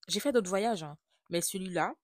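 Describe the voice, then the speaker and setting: With a mid-range voice at normal speed, a female vlogger from Haiti shares a personal travel story in a soft, confiding, reflective manner, her French accent audible. A little hiss or hum sits in the recording.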